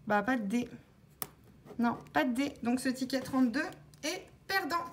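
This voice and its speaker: A woman vlogger talking through her scratch-card tickets, calmly spelling out letters one by one as she checks each word, with scratching sounds behind her. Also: sits high, normal speed, slight background noise. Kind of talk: casual narration while scratching tickets.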